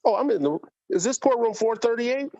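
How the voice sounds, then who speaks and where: A man, an attorney, speaking politely and formally to a judge over a garbled, low-quality stream. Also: expressive, brisk, warm tone, a little hiss or hum. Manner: polite, deferential. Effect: garbled low-quality stream audio. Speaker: attorney calling into a virtual court hearing. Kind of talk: formal courtroom address. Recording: dull lo-fi video-call audio with music behind.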